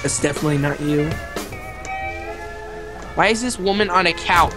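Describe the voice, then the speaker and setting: A young man hosting a casual gameplay video, excitable, shouting and goofing around as he plays. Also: on the high side, moderate pace, over music. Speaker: gaming video host.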